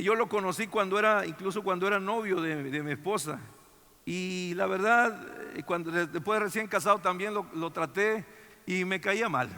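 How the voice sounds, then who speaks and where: Male pastor, high bright voice, animated conversational sermon, reverberant hall. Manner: animated, conversational storytelling with many restarts. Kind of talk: sermon with personal story.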